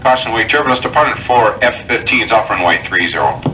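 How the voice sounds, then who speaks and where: A man's voice: lowish voice, animated, fairly quick. A man working as an air traffic controller, giving terse, procedural instructions over the radio and repeating key phrases. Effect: radio transmission. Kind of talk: tower radio communications. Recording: noisy, distant control tower radio tape.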